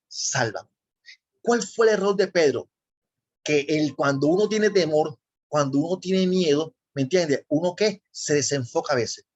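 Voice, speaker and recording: A man preaching a sermon, often pausing to ask his listeners rhetorical questions. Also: a little high. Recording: slightly dull lo-fi recording.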